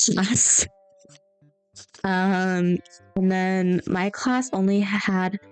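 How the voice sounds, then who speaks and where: A young adult woman streamer draws while casually chatting and rambling through her stories, faint music in the background. She has a mid-range, slightly mellow voice with a clean tone. The recording has no echo but is low in quality.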